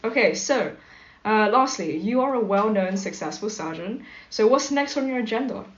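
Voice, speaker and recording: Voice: mid-range voice, expressive, moderate pace. A young student podcast host asking questions and giving brief agreeing replies in a casual interview. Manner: brief agreeing backchannels, giggly. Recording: echoey lo-fi room with faint noise.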